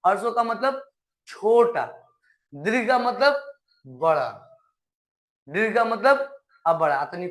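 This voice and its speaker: High-voiced teacher coaxing his class. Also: fairly bright tone. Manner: coaxing, asks questions then answers them; drawn-out recited vowel sounds. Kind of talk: live online class lesson.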